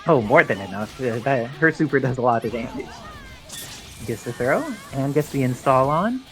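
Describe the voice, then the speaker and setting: A man's voice: mid-range voice, lively intonation, normal speed, soft background music, low-quality recording. A man giving live play-by-play commentary on a fighting game tournament, explaining mechanics and history at length. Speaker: esports commentator.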